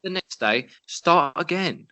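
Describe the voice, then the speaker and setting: A man's voice: a little high, animated, slow pace, sharp tone, no room sound. A young man, co-hosting a casual podcast in an upbeat, encouraging, chatty way. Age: 20s. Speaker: podcast co-host. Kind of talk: casual chat. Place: at home, indoors.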